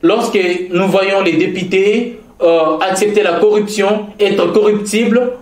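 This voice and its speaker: Here a Congolese man from Kasaï-Central, DR Congo, comments on provincial politics as an interviewee, his high voice steady in tone and a little slow. Formal and earnest, he speaks with a Congolese French accent, hesitates, and often repeats key phrases. The room sounds echoey.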